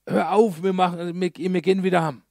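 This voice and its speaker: A man's voice: high voice, steady tone, a little fast, vocal fry, a little mellow, dry recording, clean studio sound. A man voicing a paralysed man on a stretcher who grumbles and complains. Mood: complaining.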